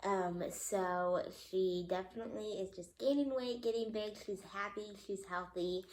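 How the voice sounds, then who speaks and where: This young vlogger and mother talks a little slowly in a medium-pitched, darkish voice, slightly congested and nasal. Her update is casual and chatty, full of ums and likes, recorded in an echoey room.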